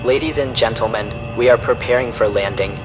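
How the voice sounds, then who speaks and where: A man's voice: mid-range voice, brisk, background noise, close to an everyday voice. A man playing a flight simulator game, putting on the formal voice of an airline captain making cabin announcements.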